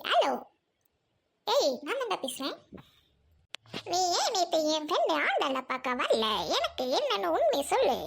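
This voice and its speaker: A woman doing a melodramatic girl in love, bossy, trichy tamil, super high and all over the place. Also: gravelly, fairly bright tone, slight background noise, heavily acted. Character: dramatic lovestruck young woman, Rottan. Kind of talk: comedy skit acting.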